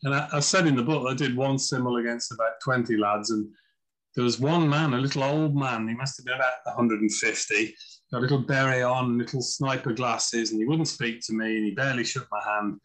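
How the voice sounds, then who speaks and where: A man's voice: medium pitch, fairly even intonation, a little fast, fairly bright tone, poor audio. A man, a guest in a casual podcast interview, telling chatty anecdotes and acting out what others said. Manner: chatty anecdotal storyteller, acts out quoted voices. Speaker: guest, chess author.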